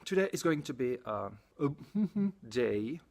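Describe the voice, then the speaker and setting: A man's voice: medium pitch, animated, moderate pace, vocal fry. A French man, a science teacher, chatting casually to camera in his school lab, often searching for English words and correcting himself. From France. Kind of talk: casual vlog talk to camera.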